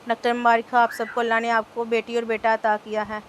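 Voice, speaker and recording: A woman reading the lines of a polite, reassuring male doctor in a storybook novel, in a flat, even reading voice. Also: a little high, fast, a little hiss or hum, close to an everyday voice.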